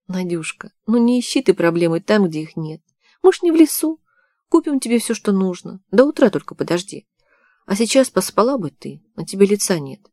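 A woman's voice: medium pitch, sing-song, a little fast, warm tone, dry recording, clean studio sound, voice pushed up. A woman voicing a confident young male journalist in an audiobook, curt and condescending. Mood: tender.

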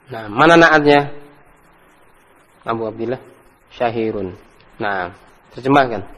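A man's voice: mid-range voice, lively intonation, slow, pushed and bright. A man teaching an Arabic grammar lesson, patiently correcting students and praising them often. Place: mosque study hall. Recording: long hall reverb.

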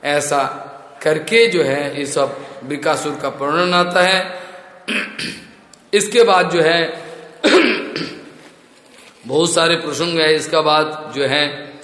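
A male preacher tells scripture stories in a lively, animated way and keeps throwing rhetorical questions at his listeners. His voice sits fairly high. The recording is from a temple hall with strong echo and a long reverb tail. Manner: animated storytelling, rhetorical asides. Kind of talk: Hindi religious discourse.

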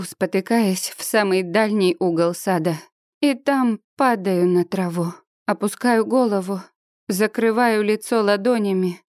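A woman reading a first-person novel aloud with expressive, emotive delivery. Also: medium pitch, no room sound, studio quality. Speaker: audiobook narrator.

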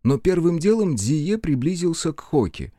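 Expressive male audiobook narrator. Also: fairly high pitch, moderate pace, dry recording, clean studio sound. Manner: expressive, dramatic reading. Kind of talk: scripted fiction narration.

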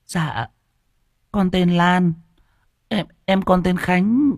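A man's voice: sits high, very slow, gravelly, no room sound, clean studio sound, pitched above the performer's own voice, heavily acted. A man voicing a frightened, starving little peasant girl who stammers and begs through tears. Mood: timid. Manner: tearful, begging, stammering.

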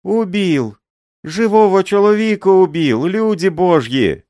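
A man voicing a beaten old man who wails and pleads for help in a shrill voice, reading a story aloud. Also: unhurried, no echo, clean studio sound, lightly acted. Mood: desperate wailing.

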